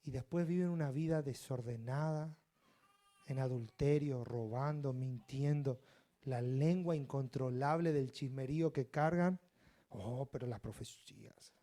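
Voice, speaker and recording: A man preaching a sermon, reading scripture loudly and dropping to quiet asides. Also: medium pitch, measured pace. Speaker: pastor.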